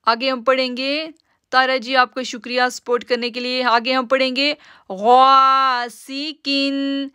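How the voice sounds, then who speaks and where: Woman tajweed teacher on a live stream, high crisp voice, patient explainer, dry close sound. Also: level tone, bright, forceful tone, dry recording. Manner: patient, step-by-step explaining, drawn-out slow recitation of words. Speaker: Quran recitation teacher.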